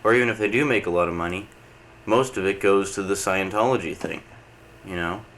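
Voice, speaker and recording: A man with a lowish, slightly bright voice and a bit of a cold hosts a video letter, chatting casually and rambling to camera with plenty of uh's at a slightly quick pace. He's in a room at home, picked up by a camcorder mic on noisy early-90s tape.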